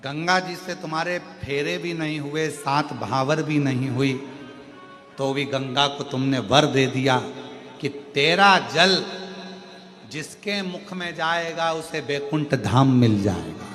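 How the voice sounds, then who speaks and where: A man doing a soft pleading demon king, Tarakasur. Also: slow. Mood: reverent. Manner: soft, low and imploring. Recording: long hall reverb, faint music.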